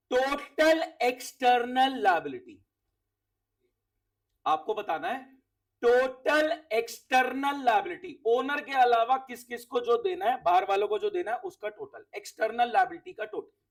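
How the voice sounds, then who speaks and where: A man's voice: high voice, brisk, recorded from a distance. A man teaching accounts to a class of students, quizzing them, repeating key words and sending off those who answer right.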